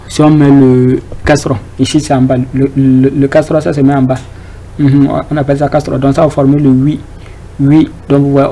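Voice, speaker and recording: A man's voice: mid-range voice, dark tone, slight background noise, low-quality recording. A man giving an informal Arabic reading lesson, hesitant, with many fillers, repeated words and rhetorical questions to the class. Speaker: Arabic teacher.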